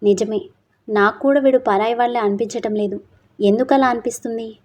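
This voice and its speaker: A woman's voice: on the high side, steady tone, brisk, darkish tone, close to an everyday voice. A woman voicing a troubled young father who speaks in a worried, questioning way. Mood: brooding.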